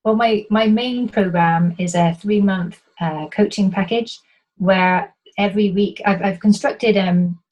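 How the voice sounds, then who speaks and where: A Welsh woman working as a business coach answers interview questions in a light British accent with toned-down Welsh traces. Her mid-range voice is a little slow, the audio's highs are cut off, and she's earnest and explanatory, often restarting sentences.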